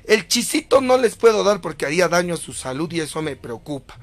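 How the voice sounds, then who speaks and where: A man with a Peruvian accent reading viewer comments and ranting back at them, crude and theatrical, shifting between loud mock outbursts and low muttering. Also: very animated, brisk. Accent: Peruvian Spanish. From Peru. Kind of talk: casual profane rant.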